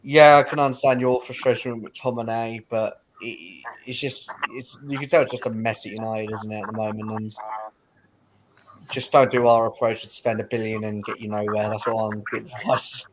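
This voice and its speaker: A man's voice: lowish voice, level tone, normal speed, background noise. A man on a football panel giving his view in a laid-back, rambling way. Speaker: panel guest. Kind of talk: casual football chat.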